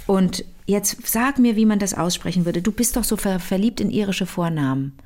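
A woman hosting a relaxed conversation, retelling a book with animated enthusiasm. She keeps tripping over her words and restarting, full of little fillers. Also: mid-range voice, normal speed. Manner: lively storyteller, many fillers and restarts. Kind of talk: casual chat, retelling a novel.

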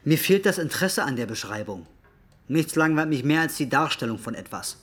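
A man's voice: fairly high pitch, animated, a little fast, fairly bright tone, breathy edge. An actor playing a bored, aloof young man who answers in a dismissive, terse way.

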